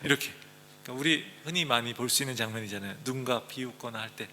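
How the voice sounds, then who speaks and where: A man's voice: mid-range voice, quick pace, pushed and bright, big-room sound, slight background noise. A man preaching a sermon as a pastor, earnestly reading scripture aloud and explaining it. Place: church.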